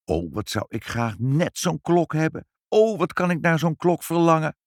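Gushing storybook mother, high and swooping, as a male reader puts her on; dry recording. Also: sing-song, unhurried, a little mellow, dry recording. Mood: longing. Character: mother, fussy and easily thrilled.

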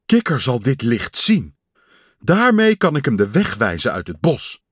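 A man voicing an anxious, caring male toad who frets and cries out loudly in a storybook reading. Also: mid-range voice, wildly swooping pitch, measured pace, dry recording, clean studio sound, heavily acted. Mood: determined. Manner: fretful, rising to loud cries.

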